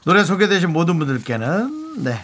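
A man's voice: high voice, huge pitch swings, normal speed, a bit bright, a little hiss or hum. A man co-hosting a radio show in a studio, wisecracking and joking through casual chat. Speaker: radio co-host.

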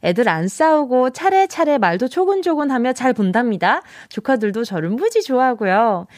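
This young Busan-born radio DJ has a fairly high voice with a darkish tone, and she reads out and performs listeners' messages in a casual chat full of laughter. She's recorded on a studio microphone in a radio studio, so the sound is clean and free of room noise.

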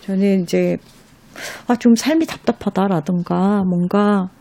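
Mellow-voiced woman recommending books. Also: medium pitch. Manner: reads passages aloud slowly. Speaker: book recommender guest. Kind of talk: casual talk about books.

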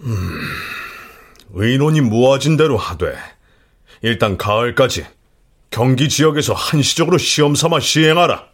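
A man playing a grave, deliberate Joseon king in a historical radio drama, speaking with commanding royal authority. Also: medium pitch, animated. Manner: slow-weighing, authoritative royal speech.

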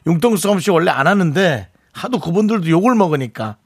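A man's voice: high voice, animated, quick pace, a little mellow, slightly rough, no echo, clean studio sound. A man co-hosting a radio show, chatting casually and acting out short quoted lines. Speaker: radio co-host. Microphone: studio microphone.

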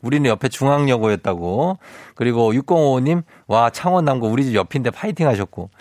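A male radio DJ runs a quiz segment, teasing and playful, in casual on-air hosting. His mid-range voice is expressive, fairly quick and darkish, captured dry and clean on a studio microphone in a radio studio.

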